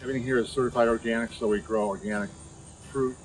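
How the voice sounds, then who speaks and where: A man's voice: medium pitch, fairly even intonation, fast, soft background music, low-quality recording. A man who farms, speaking reflectively in a documentary interview and often saying "you know.". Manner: reflective, uses many "you know" fillers. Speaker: farmer.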